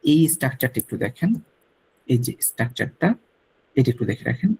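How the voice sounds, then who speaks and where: A man's voice: medium pitch, a little fast, darkish tone, husky, rough recording. A man teaching a French lesson to students, patiently repeating pronunciation drills. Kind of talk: classroom lecture.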